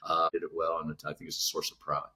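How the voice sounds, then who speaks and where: A man from California, an author being interviewed in casual podcast talk, speaking haltingly with lots of "you know" fillers and restarts. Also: extremely low pitch, completely flat delivery, pushed and bright. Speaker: author guest.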